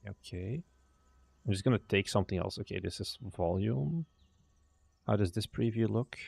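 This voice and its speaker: Streaming casually, a young Dutch-speaking indie game developer mutters his thoughts aloud, occasionally trailing off or swearing. His voice is on the low side, gravelly, husky and darkish in tone, at a moderate pace with no room sound.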